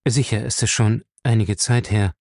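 A man's voice: lowish voice, fairly even intonation, normal speed, darkish tone, dry recording, clean studio sound. A man reading a novel aloud, voicing an evasive young man who answers coolly and irritably. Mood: drowsy, offhand. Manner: cool, offhand, irritable.

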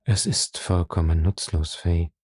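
A man reading a storybook voicing a frightened man who speaks low and hesitantly. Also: fairly even intonation, unhurried, a little mellow, slightly rough, dry recording, studio quality. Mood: tense. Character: frightened man trapped in a cellar.

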